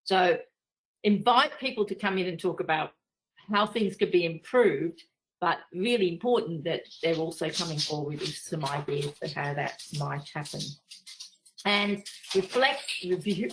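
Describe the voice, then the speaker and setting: A woman in her sixties with an Australian accent, presenting a leadership training session in a practical, measured way. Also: on the low side, poor audio.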